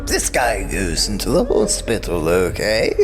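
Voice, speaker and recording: A man's voice: deep voice, big pitch swings, a little slow, over music. A man playing the Joker as a gleefully sadistic clown villain in an audio comic drama, with taunting, theatrical delivery. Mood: gleeful, mocking. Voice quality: gravelly, cackling.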